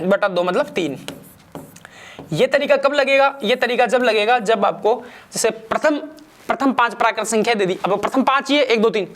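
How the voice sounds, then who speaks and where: A man's voice: extremely high pitch, fairly bright tone. A man coaching exam candidates, walking through math questions step by step, asking and answering his own questions in a casual, repetitive classroom manner. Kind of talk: step-by-step math problem walkthrough.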